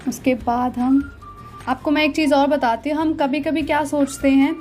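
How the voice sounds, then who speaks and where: A high-pitched woman narrates a drawing lesson. She guides the viewer step by step, often pausing to point things out. Soft music plays faintly behind her voice. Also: little pitch movement. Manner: explains step by step with repeated "dekhiye" and "theek hai". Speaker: art teacher.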